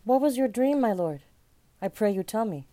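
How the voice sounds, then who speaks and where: A woman's voice: fairly high pitch, animated, normal speed, warm tone, dry recording, lightly acted. A woman playing a dutiful, uneasy prison keeper, speaking respectfully in classical verse.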